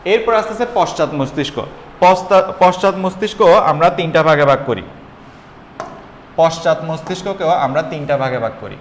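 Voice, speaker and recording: A young man teaching a biology class, repeating terms slowly and quizzing his students. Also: on the high side, a little hiss or hum. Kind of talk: classroom lecture. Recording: echoey room, faint ambience.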